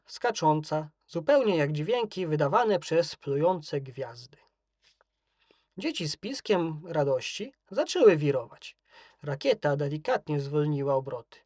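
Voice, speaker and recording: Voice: mid-range voice, a little mellow, dry recording, studio quality. A narrator reading a children's story aloud.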